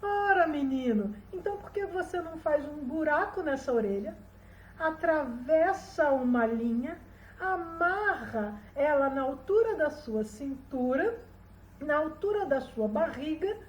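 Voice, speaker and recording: A woman voicing a clever, kindly talking donkey who gives calm, patient advice. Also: high voice, a little slow, slight background noise. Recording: roomy echo.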